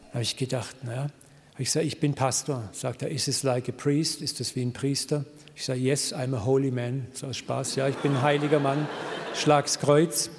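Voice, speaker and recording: A middle-aged man preaching a sermon, telling a story in a lively way and translating English quotes into German. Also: mid-range voice, long reverb tail. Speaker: pastor.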